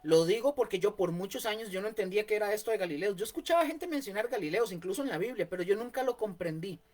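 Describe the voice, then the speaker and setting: A Costa Rican man teaching a Bible study in an explanatory way, repeating key points and often pausing on fillers. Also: high voice, expressive, a little mellow. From Costa Rica.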